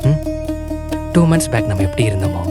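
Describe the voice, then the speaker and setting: A soft-spoken young husband, played by an actor in a short romantic film, with a lowish voice. He talks gently and apologetically. Loud music plays under his lines. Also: big pitch swings, a little fast. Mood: tender.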